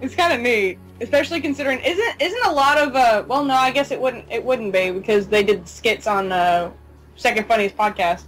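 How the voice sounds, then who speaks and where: A high-voiced woman chatting through a video game playthrough as co-commentator. She giggles often, swears freely and tosses in jokey asides. Faint game music plays behind her. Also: brisk, poor audio. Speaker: let's play co-commentator. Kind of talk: casual gameplay commentary.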